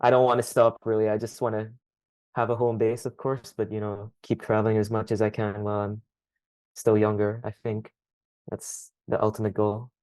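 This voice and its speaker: A young man answering interview questions thoughtfully, pausing often with ums. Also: lowish voice, monotone, a little mellow, no room sound. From Scotland. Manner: thoughtful, hesitant, frequent ums. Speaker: podcast guest.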